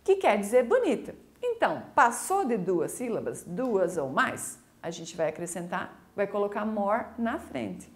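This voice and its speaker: A woman English teacher with a Brazilian Portuguese accent, giving a recorded school video lesson in a lively, coaxing way. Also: mid-range voice. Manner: lively, coaxing, slow deliberate explanations.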